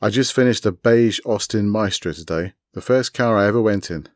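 A man's voice: fairly low pitch, normal speed, no echo, clean studio sound, close to an everyday voice. A man reading a story, voicing an easygoing, chatty, slightly awkward man in his thirties. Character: round-faced man in his thirties, car modder.

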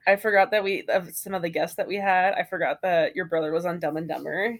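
A sick woman with a hoarse smoker's rasp, chatting casually and self-deprecatingly as a podcast co-host. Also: on the low side, fairly even intonation, fast talker. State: sick with a cough. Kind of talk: casual chat.

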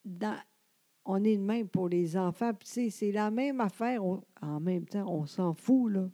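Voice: medium pitch, a little slow, dark tone. Québécois podcast co-host chatting casually. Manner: agreeing, brief interjections. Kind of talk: casual chat.

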